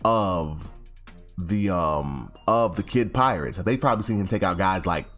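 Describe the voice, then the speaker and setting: This young anime chapter reviewer has a low, somewhat bright voice with lively intonation and an unhurried pace. He recaps a comic chapter casually, rambling in slang, correcting himself often and acting out quotes, while faint music plays behind.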